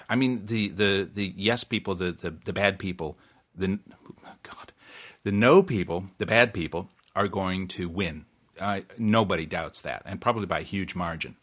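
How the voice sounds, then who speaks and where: A New Zealand man with a low, slightly bright voice hosts a casual solo podcast. He's chatty, keeps restarting and correcting himself, and drops wry laughs and asides.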